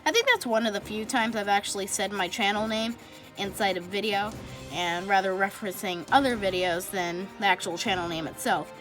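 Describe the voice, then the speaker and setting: Chatty woman rambling thru a drawing tutorial, bouncy pitch, soft music behind. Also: lively intonation, a little fast. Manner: rambling, chatty, talks while coloring; self-correcting, thinks out loud. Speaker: drawing channel host. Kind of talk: casual drawing tutorial narration.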